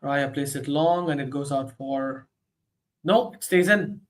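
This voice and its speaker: A man hosting a football watchalong, giving live commentary that swings between low muttering and sudden excited shouts. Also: measured pace. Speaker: host of a football watchalong stream. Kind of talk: live match commentary and reaction.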